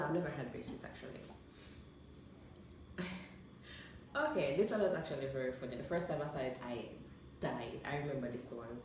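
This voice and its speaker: A young woman talks casually to camera as a vlogger. Her voice is low in pitch. She sounds away from the mic, in a room with heavy echo. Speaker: vlog host. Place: echoey room. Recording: echoey room, distant mic, clear noise.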